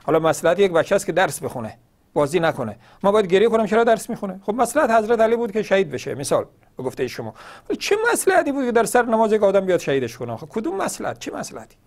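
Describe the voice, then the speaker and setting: Guy hosting a religious call-in show, high voice swinging all over the place, argues hard, fires off rhetorical questions. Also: very animated. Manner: argumentative, rhetorical questions, acts out quoted dialogue. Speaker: religious TV host answering callers. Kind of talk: impassioned call-in religious talk.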